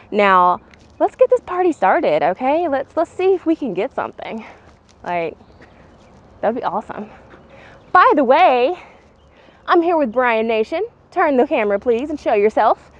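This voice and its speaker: Her voice sits on the high side and swings widely in pitch; she speaks at a measured pace with frequent pauses, and the highs are cut off. As host of a casual outdoor ghost-hunting vlog at a bridge, she chats with viewers and calls out to spirits over clear background noise and clicks.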